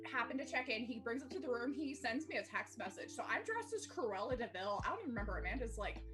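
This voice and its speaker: Lively woman telling a story. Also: fairly high pitch, fast talker, music in the background. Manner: animated, swearing, laughs often. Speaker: podcast guest, executive assistant. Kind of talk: casual chat, storytelling.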